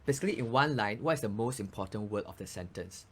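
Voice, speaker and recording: A man's voice: on the low side, lively intonation, fast, fairly bright tone, slight background noise. A man, a voice coach explaining speaking tips as a guest in a casual interview, often saying "you know".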